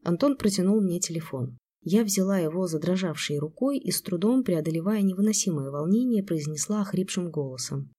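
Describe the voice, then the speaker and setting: A woman giving scripted first-person audiobook narration in an even, measured way. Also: lowish voice, slightly rough.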